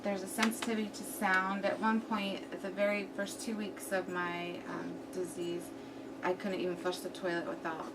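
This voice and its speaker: A woman's voice: mid-range voice, flat delivery, normal speed. Young woman doing a student presentation, mouth sounds kinda half numb, mic far away, noisy room. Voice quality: slightly numb-mouthed speech from half-paralyzed face. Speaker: student giving a class presentation. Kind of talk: prepared classroom presentation. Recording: distant mic, clearly noisy room recording.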